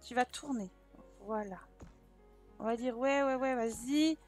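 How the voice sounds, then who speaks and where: A woman's voice: a little high, a little slow, darkish tone. A woman doing frantic, self-mocking commentary while racing through a timed home-building game challenge. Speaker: gaming YouTuber. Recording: faint game music behind.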